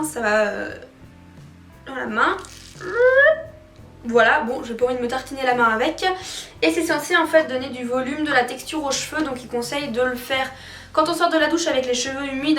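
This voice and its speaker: A woman with a high-pitched voice talks casually, like a beauty vlogger sharing frank product opinions. She speaks in colloquial, opinionated chat. The room adds noticeable echo, and music plays faintly behind her. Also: fairly bright tone, recorded from a distance. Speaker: beauty vlogger reviewing a subscription box.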